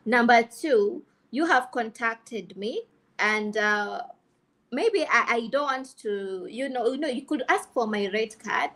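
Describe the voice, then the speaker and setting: Higher-pitched Kenyan woman, emphatic panel speaker. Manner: emphatic, repeats phrases for stress. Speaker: content creator on a panel. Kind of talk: candid panel talk, switching between English and Swahili.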